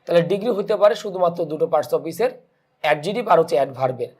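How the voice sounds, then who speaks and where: A man's voice: fairly high pitch, animated, very fast, darkish tone. A man teaching English grammar for exam prep in Bengali with a Bangladeshi accent, posing questions to students and answering them himself, mixing English terms into his speech.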